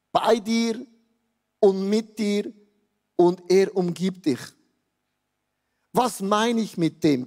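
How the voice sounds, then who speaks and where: A man in his fifties with a Swiss German accent preaching a sermon, animated and joking, dropping to quiet asides and rising to exclamations. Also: high voice. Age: 50s. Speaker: pastor. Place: large church hall. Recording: long hall reverb.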